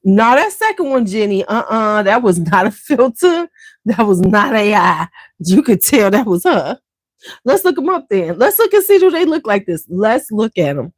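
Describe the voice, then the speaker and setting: Brief: woman livestream host, middle pitch, chatty and slangy, dry close sound. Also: big pitch swings, moderate pace, no echo. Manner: chatty, slangy, talks straight to viewers. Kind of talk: casual livestream chat.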